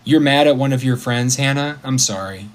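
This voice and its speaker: A man's voice: mid-range voice, moderate pace. Rambling man chatting on a livestream. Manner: rambling, chatty, greets viewers mid-sentence. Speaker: livestream host. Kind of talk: casual livestream chat.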